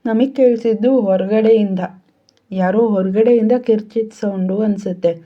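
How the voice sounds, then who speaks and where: A woman's voice: mid-range voice, normal speed, highs cut off, close to an everyday voice. A woman doing a curious, reasoning young woman. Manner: wondering and reasoning.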